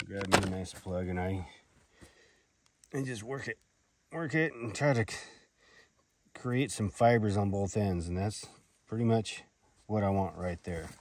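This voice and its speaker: A man with a lowish voice speaks at a measured pace with long pauses, casually demonstrating how to start a fire in an unscripted outdoor product review. His talk is hesitant, folksy and rambling, with some swearing. The outdoor recording is clearly noisy and has clicks.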